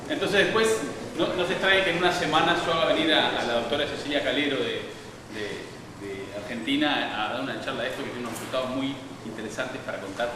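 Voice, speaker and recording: A man gives a public science lecture, wandering through his points with frequent restarts and fillers. He sounds distant from the microphone in a very echoey hall. A steady noise sits behind his voice. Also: medium pitch. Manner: digressive, many restarts and fillers.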